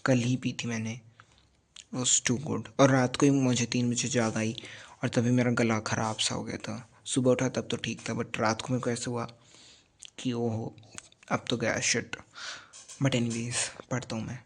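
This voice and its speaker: A sleepy young Indian man talking low and unhurried in a late-night study vlog. His voice is gravelly, and his pitch sits in an ordinary middle range. He rambles as if worn out after a long evening. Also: level tone. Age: late teens. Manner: speaks softly and slowly so as not to wake others; drifts between two languages, rambling and tired. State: sleepy and tired. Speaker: student vlogger.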